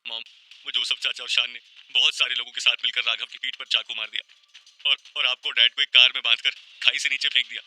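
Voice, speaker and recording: A man's voice: mid-range voice, little pitch movement, fast, sharp tone, poor audio. A man voicing a young woman who wakes crying from a nightmare, her tearful, pleading voice breaking. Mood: tearful, scared.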